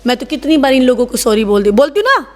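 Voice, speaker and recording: A woman in her thirties with a Haryanvi accent, speaking in a somewhat high voice. She talks bluntly and forcefully, rough and tough, hammering home each point as an interview guest. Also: very animated, fast talker. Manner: blunt, rough and tough, emphatic, often says "bhai". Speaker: salon owner, interview guest. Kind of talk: casual interview talk.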